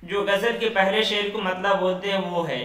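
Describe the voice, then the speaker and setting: A man teaching Urdu poetry in an online class, explaining slowly, repeating terms and quizzing students by name. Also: high voice, steady tone, sharp tone, reverberant, far from the mic, low-quality recording. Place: room at home, online class.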